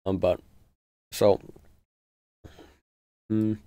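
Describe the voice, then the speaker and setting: A man's voice: fairly low pitch, flat delivery, extremely slow, dark tone, no room sound, muffled recording. A man producing music on a live stream, talking through his steps in a loose, casual way with lots of fillers. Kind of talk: live-stream beat-making walkthrough.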